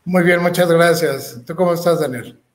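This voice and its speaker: A man's voice: on the high side, moderate pace. Earnest Mexican man in an echoey room. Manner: earnest, hesitant with fillers and restarts. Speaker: political candidate. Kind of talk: answering interview questions.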